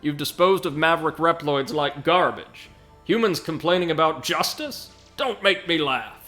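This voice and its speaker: A man voicing a gloating, cruel game villain who taunts with slow theatrical menace. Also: on the high side, sharp tone, soft background music. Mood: scornful.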